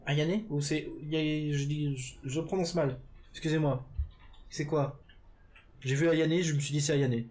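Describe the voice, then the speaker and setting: Male esports caster, live play-by-play, raised pitch, chatty, filler-heavy, self-correcting. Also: fairly even intonation, unhurried, darkish tone. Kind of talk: live game commentary.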